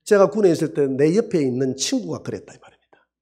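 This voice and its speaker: High, husky-voiced preaching man. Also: quick pace. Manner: animated storytelling preacher who acts out quoted voices. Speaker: pastor. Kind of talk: sermon.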